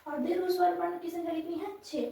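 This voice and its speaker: High-voiced woman teacher in an echoey room. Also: fairly even intonation, creaky, dark tone, recorded from a distance. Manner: patient, repeats sounds slowly, frequent "theek hai" checks. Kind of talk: Hindi grammar lesson, explaining at a board.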